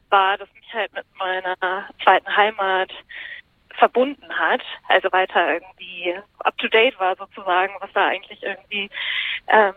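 A woman journalist answering interview questions in a thoughtful way, searching for her words as she talks. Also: medium pitch. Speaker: journalist and columnist, interview guest. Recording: tinny phone line.

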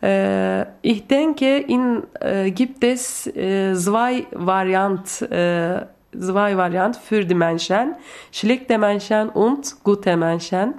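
Slow, hesitant woman. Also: medium pitch, a little mellow. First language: Turkish. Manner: hesitant, many filler sounds. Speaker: guest reader, former teacher. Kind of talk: halting personal statement.

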